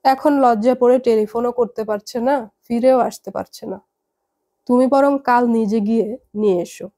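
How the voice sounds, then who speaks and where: A woman voicing a calm young adult daughter who reasons patiently with her parents. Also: fairly high pitch, normal speed, natural voice. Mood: patient, reasoning.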